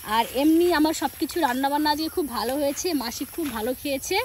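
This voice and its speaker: A woman's voice: sits high, a little fast, slight background noise. A woman, a sore throat and a cough, chatting casually to her viewers as she walks home outdoors in a village. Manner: chatty, speaks straight to viewers and acts out family dialogue. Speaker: village lifestyle vlogger. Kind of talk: casual chat to viewers while walking.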